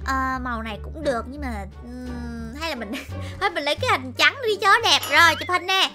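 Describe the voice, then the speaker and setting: A young woman narrating a casual video game playthrough in an excited, exclamatory way, often stammering and repeating words. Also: high voice, fairly quick. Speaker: gaming YouTuber. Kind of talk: excited let's-play narration. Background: game music.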